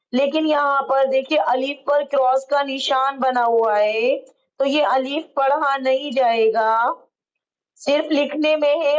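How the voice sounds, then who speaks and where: A woman teaching how to read Quranic script, explaining each rule slowly and patiently and drawing out the words she recites. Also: high-pitched, lo-fi sound. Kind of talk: online Quran reading lesson.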